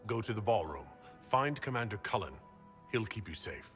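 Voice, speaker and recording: Bright, low-voiced commanding hero. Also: male voice, sing-song, normal speed. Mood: commanding, concerned. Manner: careful, businesslike, authoritative. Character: guarded, commanding male leader of an Inquisition. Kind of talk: video game cutscene acting. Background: music.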